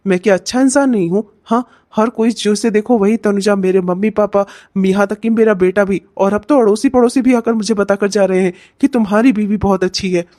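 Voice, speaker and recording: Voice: mid-range voice, fairly quick, few pauses, darkish tone, natural voice. A performer voicing a jealous young husband in a cartoon, sulky and complaining that no one praises him. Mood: irritated. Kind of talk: cartoon voice acting.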